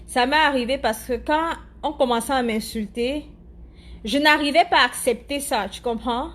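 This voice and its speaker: A woman with an African French accent chats casually as a live streamer, answering her viewers' comments. Her voice sits high and a bit bright at normal speed, and she often hunts for words and repeats herself.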